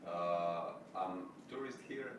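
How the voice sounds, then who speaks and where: A man speaks slowly and haltingly in a very deep voice. He is far from the mic in a strongly echoing room. Steady noise runs behind him. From Slovenia. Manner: halting, many uhs. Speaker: audience member, tourist.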